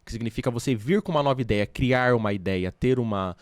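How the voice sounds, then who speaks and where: Fast-talking man teaching in a casual chat. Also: mid-range voice, no room sound, studio quality. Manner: quick, explanatory, giving study advice. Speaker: English teacher and podcast host. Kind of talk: casual podcast conversation.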